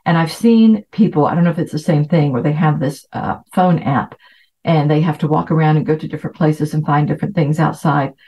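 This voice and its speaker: A middle-aged woman who grew up in Latin America hosts a podcast, giving an informal self-help talk full of chat and anecdotes. Her voice sits low with a warm tone and moves a little fast, though the lo-fi recording sounds dull.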